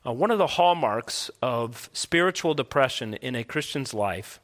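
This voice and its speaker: Bright-voiced pastor at a pulpit microphone. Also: male voice, medium pitch, animated, normal speed. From United States. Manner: earnest, emphatic preaching. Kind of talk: sermon. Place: church sanctuary.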